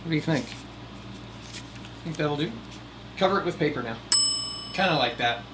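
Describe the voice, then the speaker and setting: This host of a DIY video series speaks at a normal pace in a somewhat high, expressive voice, delivering casual how-to talk that's folksy, jokey and prone to wandering asides. The recording carries a loud air conditioner hum.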